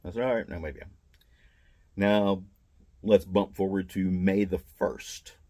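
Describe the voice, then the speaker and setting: A man's voice: low-pitched, fairly even intonation, a little slow, dark tone. An older man, retired, telling a meandering, plain-spoken story about trouble as a vendor at a mall booth. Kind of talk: casual first-person storytelling.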